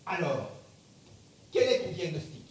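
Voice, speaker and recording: An arrogant, blustering power broker delivers a theatrical stage monologue, speaking slowly and emphatically in a very high, sing-song voice full of angry denial. Proud and insistent, he declaims and bursts into shouting. The distant mic captures a very echoey theatre with rumbling noise.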